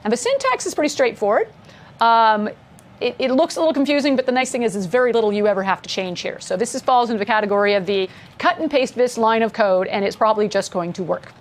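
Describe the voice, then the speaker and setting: This coding instructor, whose mother is from Scotland, talks in a slightly high, animated voice and speaks fast. She casually steps through code in a screen-share lesson, chatty and upbeat, sharing laughs with her co-host.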